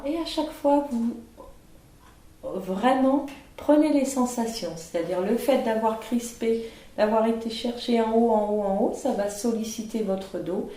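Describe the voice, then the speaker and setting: A woman teaching an online acting lesson in a calm, instructive way, with over-articulated diction drills. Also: medium pitch, echoey room. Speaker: drama teacher.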